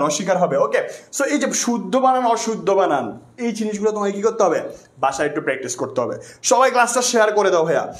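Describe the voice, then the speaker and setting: A young man with a high, light voice runs a live online class and banters casually with his viewers. He repeats words for emphasis in a loose, friendly way. The room around him sounds echoey. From Bangladesh. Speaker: online tutor.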